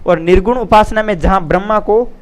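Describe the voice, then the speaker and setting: A man with a high, brisk voice teaches an exam lesson as an online coach. He switches between reading answers aloud and explaining them informally. His style is didactic, full of repeated phrases and frequent checks that listeners understand.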